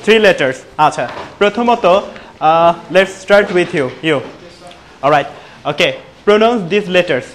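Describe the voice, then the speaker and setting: Teacher guy, high voice, keeps quizzing the class. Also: expressive, very slow. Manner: asks the class questions and calls on students. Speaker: spoken English teacher. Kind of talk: classroom teaching, mixing Bengali and English. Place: classroom with students.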